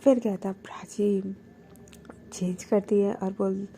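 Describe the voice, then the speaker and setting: A woman's voice: medium pitch, level tone, slow pace, mellow, slight background noise. A young woman telling a love story casually, with many English fillers. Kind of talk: casual spoken storytelling, Hindi mixed with English.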